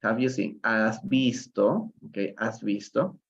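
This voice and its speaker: Guy from peru teaching english live, super slow patient explaining, gravelly voice. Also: on the low side, steady tone, highs cut off. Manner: patient, explains step by step, switching between Spanish and English. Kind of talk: live online reading lesson.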